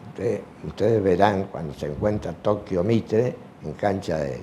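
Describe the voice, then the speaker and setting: Older guy, deep dark voice, slow, lots of ehs, looking back on old times. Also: a little hiss or hum. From Argentina. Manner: slow, halting, with many fillers. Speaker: retired sports teacher. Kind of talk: reminiscing interview answer.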